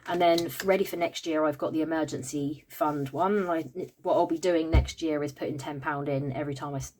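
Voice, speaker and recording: A woman's voice: sits low, steady tone, a little fast, a little mellow. Tired British woman chatting about budgeting. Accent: British English. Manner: chatty, counting money aloud, with frequent "um" fillers. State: tired and yawning. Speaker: budgeting vlogger. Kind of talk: casual cash-stuffing vlog chat.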